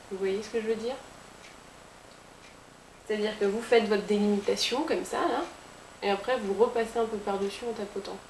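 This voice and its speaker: A woman's voice: mid-range voice, vocal fry, darkish tone. A woman giving a casual makeup tutorial as a beauty blogger, chatty, with playful asides to her viewers. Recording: roomy with faint hiss.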